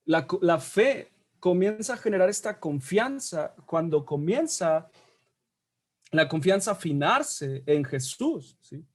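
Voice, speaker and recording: A man's voice: a little high, very animated, takes it slowly. A man teaching a Bible study class in a conversational way, often checking in with his listeners. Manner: conversational, checks in with frequent tag questions.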